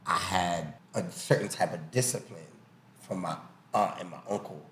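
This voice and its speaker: This man's voice sits low and has a fairly bright tone, moving at a moderate pace. As a podcast guest and boxing coach, he talks casually and with emphasis, sharing personal stories and illustrating points with examples. He was born in the US, lived in Haiti as a young child, then grew up in New York, and the recording has an echoey room and faint background noise.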